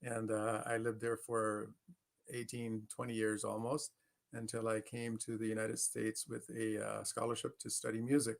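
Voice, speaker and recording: Flat, gravelly man. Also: lowish voice, moderate pace. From Panama. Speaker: panel co-moderator. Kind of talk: casual introduction. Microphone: video call.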